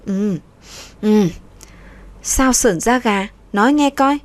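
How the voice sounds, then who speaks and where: A woman's voice: a little high, slow pace. A woman voicing a frank young woman who gives her friend blunt, lecturing advice. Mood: teasing.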